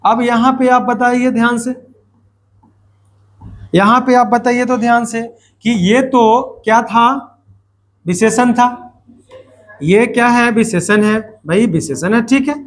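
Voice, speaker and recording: A man's voice: very high-pitched, slow pace, long pauses. A man teaching a grammar lesson to students, repeating points and asking questions that he answers himself, with playful asides.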